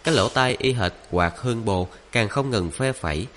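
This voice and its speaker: A man narrating a fantasy novel in a steady, even reading voice. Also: lowish voice, normal speed, a little hiss or hum.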